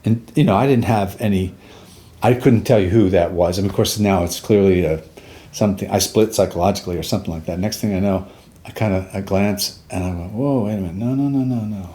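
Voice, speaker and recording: A man in his sixties, a war veteran, recalling his past in a halting way, with restarts and trailing pauses. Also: deep voice, steady tone, dark tone. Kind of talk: personal recollection.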